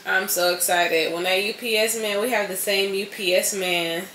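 A young adult woman, chatting excitedly and casually to her vlog viewers in slang. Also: medium pitch, normal speed, a little hiss or hum, poor audio. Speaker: vlogger and mom.

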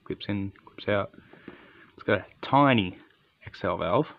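A man's voice: on the low side, expressive, measured pace, phone-quality sound. A man giving a casual, unscripted hands-on product review in an understated, matter-of-fact way.

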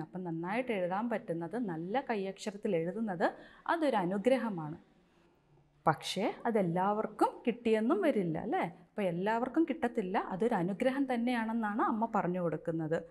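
A woman's voice: medium pitch, expressive, moderate pace, darkish tone. A woman teacher reading a story to her class in an online lesson, retelling each line and quizzing the pupils with questions.

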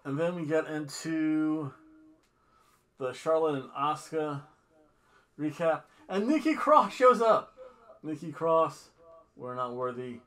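Speaking slowly with long pauses, a middle-aged man with a rather high, fairly bright voice gives review commentary into a webcam. The small indoor home room frames his casual, rambling style, which is jokey and laced with mock accents.

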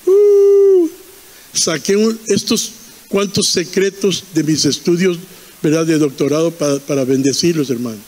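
High-voiced fervent male preacher. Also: normal speed, breathy edge, in a large hall. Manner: fervent, repeating and quizzing the congregation. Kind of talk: sermon.

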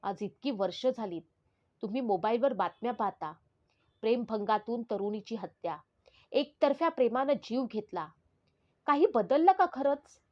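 A woman's voice: fairly high pitch, expressive, moderate pace, lo-fi sound. A woman narrating in the first person as the spirit of a murdered teenage schoolgirl, in a solemn, pleading manner. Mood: grieving.

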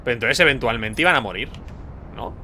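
Bright-voiced gaming streamer. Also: male voice, mid-range voice, lively intonation, quick pace, a little hiss or hum. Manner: chatty, thinks aloud, jokes with chat. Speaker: gameplay streamer. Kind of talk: casual gameplay commentary.

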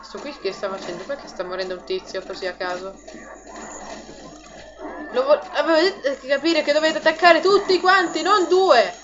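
Excitable woman commenting on gameplay. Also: high-pitched, moderate pace. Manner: excitable, chatty, laughs often, addresses viewers. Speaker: gaming video host. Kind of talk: let's play commentary. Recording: lo-fi audio with game music behind. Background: game music.

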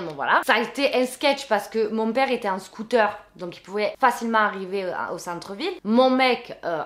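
Slangy young woman, echoey. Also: mid-range voice. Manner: lively, slangy, swears, plays out scenes. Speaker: storyteller vlogger. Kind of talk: casual storytime vlog.

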